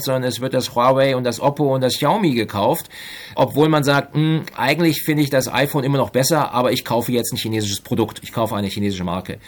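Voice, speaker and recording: A middle-aged man, an economics professor, giving careful analytical answers in an interview, pausing often to find his words. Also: mid-range voice. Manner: measured, analytical, with frequent hesitations.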